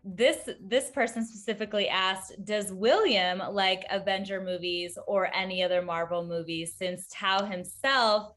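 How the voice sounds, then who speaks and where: A woman's voice: mid-range voice, a little slow, hardly any pauses, fairly bright tone. A woman interviewing a guest and reading out viewer questions, upbeat and affirming.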